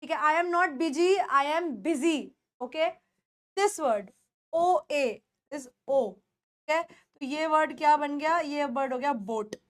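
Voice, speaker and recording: A woman's voice: high-pitched, slow pace. A woman whose first language is Hindi, teaching English pronunciation in a classroom style, repeating words and asking her pupils questions.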